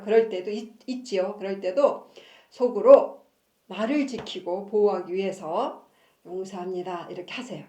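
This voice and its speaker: Mellow-voiced woman with frequent laughs. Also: mid-range voice. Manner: chatty, laughs often between sentences. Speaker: family counselor and channel host. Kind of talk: casual talk on marriage, reading from her own book. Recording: echoey room.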